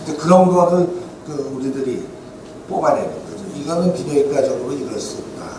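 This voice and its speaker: A man's voice: mid-range voice, brisk, background noise. Older man telling stories in an echoey hall. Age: 70s. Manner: animated anecdotes, acts out quoted dialogue. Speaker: author and guest speaker. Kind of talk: storytelling at a book talk. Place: event hall. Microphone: room recording from the audience. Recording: echoey hall recorded from far off.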